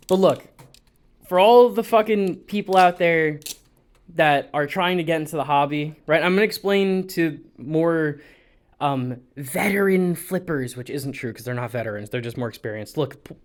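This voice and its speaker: Young male vlogger, blunt and profane, rambling asides, slightly high voice. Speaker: balisong flipping vlogger. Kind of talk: casual advice vlog.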